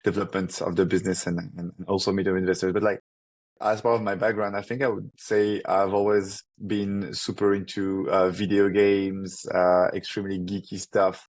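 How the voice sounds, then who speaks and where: A low, slightly mellow male voice with little pitch movement, captured in a dry recording. He's a French startup founder in his thirties with a thick French accent, answering interview questions casually and fast, with lots of fillers and frequent restarts.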